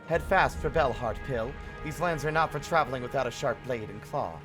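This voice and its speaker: A man's voice: medium pitch, brisk, close to an everyday voice. A man voicing a stern, formal young female warrior in a video game. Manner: formal, curt. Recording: game music behind.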